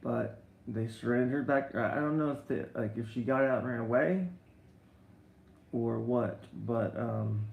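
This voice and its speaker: Gravelly-voiced man rambling on a live stream. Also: medium pitch, unhurried, roomy sound, phone-quality sound. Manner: rambling storytelling with many restarts and fillers; reads and answers viewer comments. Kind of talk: casual live-stream chat.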